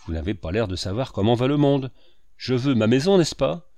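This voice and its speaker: A man's voice: lowish voice, expressive, moderate pace, darkish tone, dry recording. A man reading the part of a stern, scornful middle-aged landlord in curt, contemptuous lines. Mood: exasperated.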